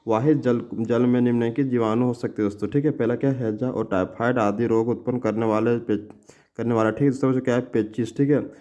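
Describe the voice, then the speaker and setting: Fast-talking man teaching a class. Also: mid-range voice, fairly even intonation, mellow, lo-fi sound. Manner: fast, repetitive, calls listeners "friends" and "children"; says "okay" after nearly every sentence. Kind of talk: exam solution lesson.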